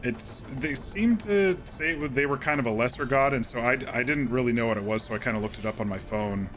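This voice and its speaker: A man is streaming a game and casually recapping what happened, rambling calmly with lots of fillers and restarts. His voice is mid-range and his pace brisk.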